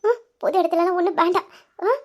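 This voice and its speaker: A woman's voice: extremely high pitch, fairly even intonation, quick pace. A woman playing a bubbly younger sister. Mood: reassuring. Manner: bubbly, laughing, soothing. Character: cheerful young woman reassuring her elder sister. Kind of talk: Tamil audio story acting.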